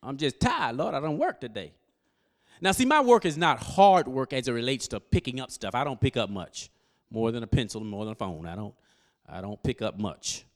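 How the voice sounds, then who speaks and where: A man preaching a sermon, quizzing his congregation and building up to loud exhortation. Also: mid-range voice, a little fast, hardly any pauses. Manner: call-and-response with the congregation; animated, rising to loud exhortation. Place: church service.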